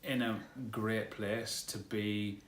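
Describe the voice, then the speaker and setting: A man's voice: on the low side, level tone, slow, roomy sound. A man co-hosting a casual vlog, talking in an encouraging, reflective way. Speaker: vlog co-host, actor.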